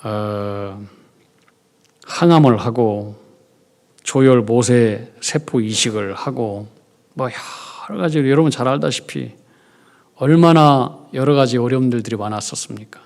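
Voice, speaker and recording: A middle-aged man preaching a sermon as pastor, moving between quiet, hushed confession and loud, emphatic preaching. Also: medium pitch, a little slow. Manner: acts out prayers in a soft, hushed voice.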